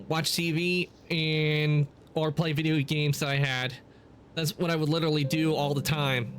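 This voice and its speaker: A man streaming a game and chatting casually in a rambling, halting way. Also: on the high side, fairly bright tone. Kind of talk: casual chat while playing. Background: game music and dialogue.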